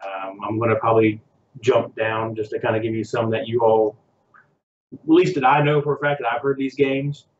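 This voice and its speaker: A man's voice: mid-range voice, steady tone, moderate pace, roomy sound, muffled recording, a little hiss or hum. A man co-hosting a casual podcast chat, rambling and hesitant as he goes down a list. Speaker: podcast co-host.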